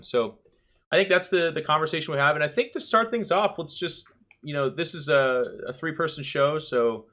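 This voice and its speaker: A man's voice: mid-range voice, sharp tone. A man hosting a casual podcast chat, joking and rambling loosely as he introduces the talk. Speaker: podcast host.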